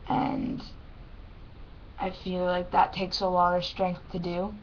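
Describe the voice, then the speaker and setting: A young adult woman with a lisp and thick, swollen-tongue speech, talking haltingly and plainly in a casual personal vlog. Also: on the low side, completely flat delivery. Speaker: vlogger. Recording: dull lo-fi sound with faint noise.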